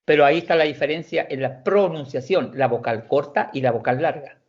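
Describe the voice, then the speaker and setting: A man teaching a language class over an online call, his voice a little high. He explains slowly, restarting and repeating words as he goes. The audio is muffled and dull, like a video call. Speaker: Swedish teacher.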